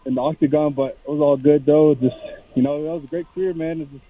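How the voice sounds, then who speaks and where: Caller on the phone, male, talks in a rambling, halting way full of fillers, line thin and phone-like. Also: fairly high pitch, fairly even intonation, dry recording. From Navajo Nation, Arizona. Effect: over the phone. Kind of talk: casual call-in chat. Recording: tinny phone line, dry.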